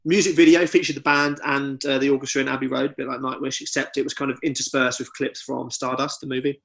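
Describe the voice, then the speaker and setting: A man's voice: mid-range voice, little pitch movement, fast talker, creaky, fairly bright tone. A man co-hosting a comedy podcast, teasing his friend and reeling off chart facts with wry asides. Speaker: podcast co-host. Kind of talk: casual comedy podcast chat.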